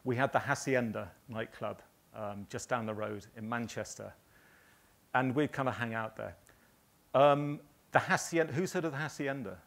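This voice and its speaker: A man in his fifties from northern England spins loose, halting anecdotes to a live audience, pausing often mid-sentence. His voice has a gravelly edge and sits at a middling pitch. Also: a bit bright. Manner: rambling anecdotal storytelling with many ums. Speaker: graphic designer giving a talk.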